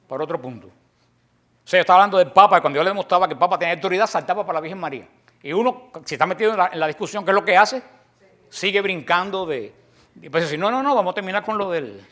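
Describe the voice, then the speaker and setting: A Cuban man with a somewhat high-pitched voice teaches an apologetics class in a Cuban accent. He speaks emphatically, lets key phrases fade off quietly, and acts out quoted exchanges as he tells stories. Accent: Cuban Spanish. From Cuba. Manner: emphatic, slows down and trails off softly at the end of key phrases. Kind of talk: lecture to a class.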